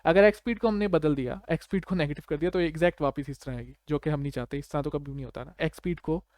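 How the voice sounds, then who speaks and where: Racing through his explanation, a Pakistani man tutoring programming uses a slightly high voice with a darkish tone. He goes step by step, informal and conversational, often tacking on short questions to check in, and the sound is close and dry with little room.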